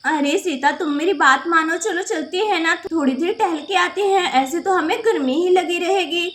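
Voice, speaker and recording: Woman playing an impatient village girl, very high bright voice, pushy, doll-play story. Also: normal speed. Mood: urging. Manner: pushy, urging.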